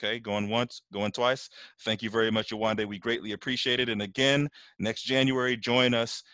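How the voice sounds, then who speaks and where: A man's voice: mid-range voice, flat delivery, moderate pace, bright, forceful tone, no room sound. A man hosting an online community meeting, talking in an earnest, encouraging way with many fillers. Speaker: meeting host.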